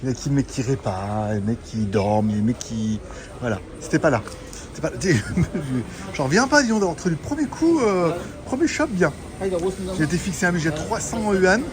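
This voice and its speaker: Male vlogger, slightly high voice, chatty and loose, market noise behind. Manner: rambling, chatty, laughing often, swearing casually. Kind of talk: casual walk-and-talk vlog. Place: busy electronics market, indoors. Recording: noisy market ambience.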